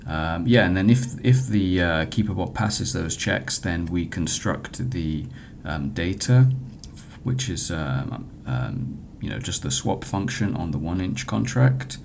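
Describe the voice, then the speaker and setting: A man giving an informal software demo walkthrough as a developer, speaking in a hesitant, halting way with frequent stumbles. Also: expressive. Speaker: hackathon developer presenting own project. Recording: clear background noise with low rumble.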